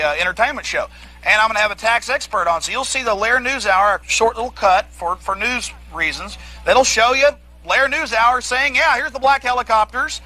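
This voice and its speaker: A man hosting a show, talking off the cuff about politics in a halting but emphatic way. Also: sits high, bright, forceful tone, rough recording. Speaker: host of a public access TV show.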